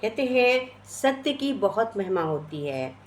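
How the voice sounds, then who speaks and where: A woman's voice: mid-range voice, sing-song, slow, darkish tone. A woman giving a devotional sermon in Hindi, teaching through a parable whose characters she voices in turn. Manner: retells a parable, voicing each character. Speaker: devotional speaker.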